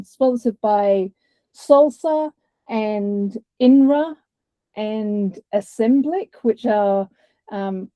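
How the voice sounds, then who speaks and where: A woman's voice: medium pitch, dry recording, dull audio. A woman with a New Zealand accent, informally introducing an online event as its host. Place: indoors on an online call.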